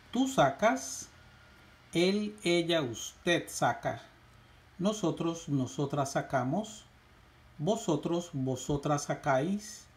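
A man teaching a lesson, reciting verb conjugations in a slow, measured drill with rising lists. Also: a little high. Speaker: Spanish teacher.

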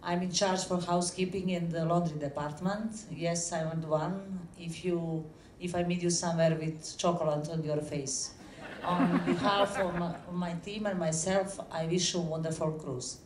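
A woman with a Montenegrin accent addresses an audience from a theatre stage. Her voice is fairly low, and it comes through echoey with clear background noise. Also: fairly even intonation, moderate pace. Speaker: housekeeping manager. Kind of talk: short speech to an audience. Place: theatre stage on a cruise ship. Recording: echoey theatre, noisy phone recording from audience.

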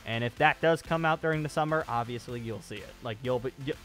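This twenties-aged gaming YouTuber talks quickly in a mid-range, slightly bright voice while rambling informally through a channel update. The setting is a small home studio with acoustic foam, a desk microphone on a boom arm, and clear background music.

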